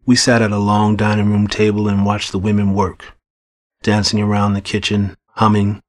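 A man reading first-person fiction in a brooding, measured, low-key way. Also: monotone. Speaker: audiobook narrator.

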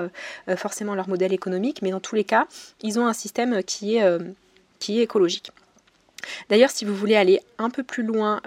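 A woman's voice: mid-range voice, darkish tone, dry recording. A woman giving informal advice to business owners, talking straight to her viewers in a hesitant way, with frequent fillers and restarts. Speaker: presenter giving eco tips to business owners. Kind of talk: informal advice talk to camera.

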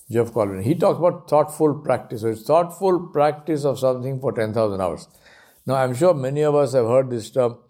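A man's voice: medium pitch, warm tone. A man giving a religious talk at an Islamic centre, repeating key phrases for emphasis with frequent fillers.

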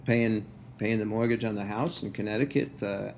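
A man's voice: on the low side, steady tone, normal speed, a little mellow, a little hiss or hum, close to an everyday voice. A man playing a washed-up, blustering male stand-up comic with a put-on New York accent, stammering and defensive in an improvised comedy sketch. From Ohio.

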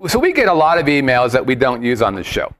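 A man's voice: medium pitch, wildly swooping pitch, fast talker, fairly bright tone. A man co-hosting a talk show in casual, conversational banter.

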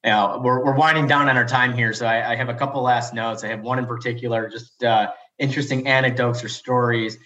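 Male interviewer, rapid speech, rambling, dull lo-fi audio. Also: medium pitch, fairly even intonation, bright, forceful tone. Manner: rambling, with frequent fillers and restarts. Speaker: podcast host. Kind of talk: conversational interview. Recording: dull lo-fi sound.

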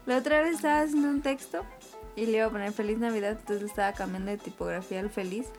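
A woman with a Mexican accent co-hosting a podcast, talking bluntly and swearing casually in relaxed chat. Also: mid-range voice, fast, soft background music. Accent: Mexican Spanish. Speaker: podcast co-host.

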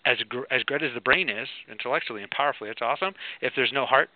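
A man's voice: mid-range voice, fast, dry recording. A man speaking earnestly and emphatically in a conversational talk, like a coach. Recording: tinny phone-like audio with faint noise.

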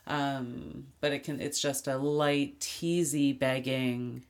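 This is a podcast co-host whose voice sounds worn and tired. The speech moves slowly and frankly through each idea, slipping in little spoken examples along the way. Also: medium pitch, steady tone. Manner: frank, explains by acting out short examples. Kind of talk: casual podcast discussion.

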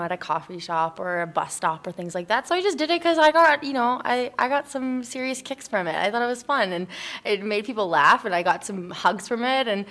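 A young woman with a medium-pitched, slightly bright voice, appearing as an interview guest and the founder of a volunteer project. She tells personal stories casually, rambling informally and saying "like" a lot.

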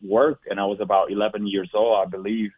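In a personal testimony interview, a Puerto Rican man in his forties recounts his life story as the guest. His low, flat voice comes haltingly, with restarted sentences and heavy use of fillers. The audio is dry and tinny like a phone line, with no room sound.

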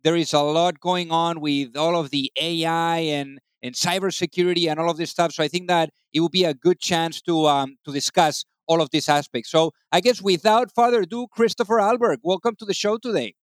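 A man's voice: on the high side, steady tone, brisk, hardly any pauses, smooth, dry recording. A man hosting an interview podcast, upbeat, often repeating words as he searches for phrasing. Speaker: podcast host.

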